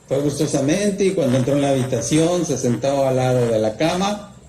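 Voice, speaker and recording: Preacher with a mellow voice. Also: male voice, mid-range voice, expressive, normal speed. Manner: storytelling, with rhetorical questions. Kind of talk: campfire sermon. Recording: roomy echo, faint background noise.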